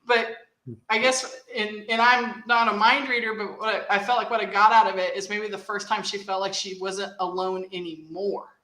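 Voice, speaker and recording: A woman hosts a casual chat with a bright, forward voice, telling stories with energy and laughing easily. The room adds a noticeable echo. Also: medium pitch, moderate pace. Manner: animated storyteller, laughs easily. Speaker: host.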